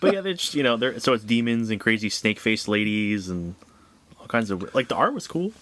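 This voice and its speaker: A man co-hosting a casual comic book podcast, laid-back and quick to chime in with agreement. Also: on the low side, big pitch swings, fairly bright tone, a little hiss or hum. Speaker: podcast co-host.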